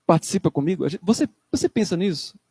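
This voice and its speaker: A man's voice: high-pitched, lively intonation, fast, warm tone, breathy edge, dry recording, studio quality. A man preaching a sermon as pastor, emphatic, acting out church members in quotes.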